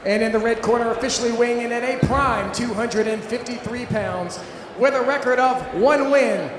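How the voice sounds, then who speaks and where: A man working as a boxing ring announcer, with formal, theatrical delivery and drawn-out, booming name calls. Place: large indoor event venue, over PA. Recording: echoey arena PA, noisy crowd.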